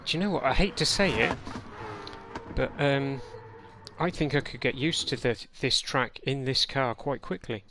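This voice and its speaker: A man's voice: medium pitch, normal speed, pushed and bright. A man giving casual commentary on his own online racing game stream, chatty and self-deprecating, muttering to himself as he drives. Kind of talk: live gameplay commentary. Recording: noisy game audio behind voice.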